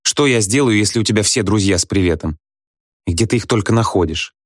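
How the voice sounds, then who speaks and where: A man reading a story aloud, voicing a bitter, scornful young wife who scolds her husband in quick reproachful outbursts. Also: fairly low pitch, slightly rough, no echo, clean studio sound. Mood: scolding.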